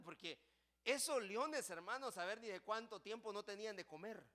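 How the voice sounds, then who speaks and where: A man preaching a sermon in church, impassioned, swinging between loud passages and hushed ones. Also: extremely high pitch. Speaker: pastor.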